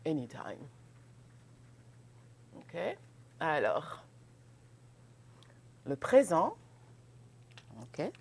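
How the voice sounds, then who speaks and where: Slow, gravelly-voiced woman teaching French. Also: low voice, huge pitch swings, a little mellow. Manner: slow, patient, checks in with "n'est-ce pas" and "ok". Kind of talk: grammar lesson at a board, mixing French and English.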